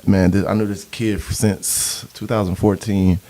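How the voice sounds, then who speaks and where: A man's voice: on the low side, flat delivery, unhurried, dark tone. A man hosting a casual interview podcast, laid-back and laughing easily as he hypes up his guest. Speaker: podcast host.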